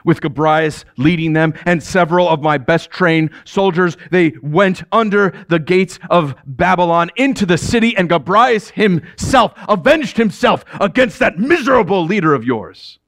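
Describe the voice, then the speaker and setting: A man's voice: sits high, animated, normal speed, few pauses, fairly bright tone, no echo, studio quality. A man playing a proud ancient king who speaks to his subjects in a commanding way and chuckles between statements. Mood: regal. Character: proud middle-aged male Persian king addressing his subjects. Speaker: actor in a biblical character monologue. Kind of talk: theatrical first-person monologue.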